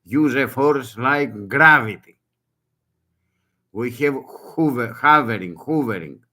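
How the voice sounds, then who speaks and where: An older man, Greek by native language and accent, delivers an urgent public appeal in a video he filmed himself. His mid-range voice is expressive, bright and forceful at a slow pace, and his broken English is built from short, repeated phrases.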